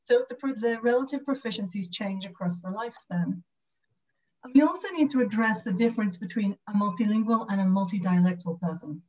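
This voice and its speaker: Over slightly dull video call audio, a guest lecturer gives an academic talk. She is a speech and language pathologist from the United Kingdom with a British accent, and her medium-pitched voice is a little mellow and a little fast.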